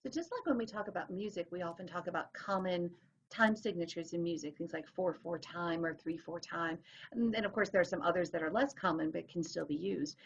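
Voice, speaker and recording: A woman's voice: fairly low pitch, brisk, slight background noise. A woman teacher explaining things in a recorded lesson, sounding out rhythms as she goes. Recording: dull lo-fi recording.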